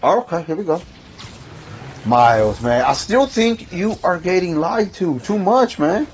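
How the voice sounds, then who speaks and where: Animated joking man. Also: sits high, a little slow, lo-fi sound, slight background noise. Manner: joking, animated, swears freely. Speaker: let's play commentator. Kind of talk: casual gameplay commentary.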